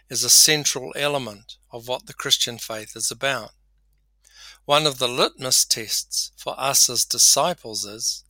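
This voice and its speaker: Slow, bright-voiced man preaching. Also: medium pitch, no echo. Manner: measured storytelling. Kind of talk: podcast sermon.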